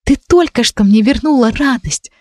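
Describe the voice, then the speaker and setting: A woman voicing a gentle, earnest young girl in an audiobook, speaking soft and high. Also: animated, moderate pace, no echo, clean studio sound.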